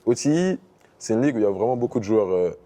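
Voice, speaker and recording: Speaking very fast with lively intonation, this young Parisian basketball guest has a lowish, mellow voice. He answers interview questions casually, easing into English basketball terms.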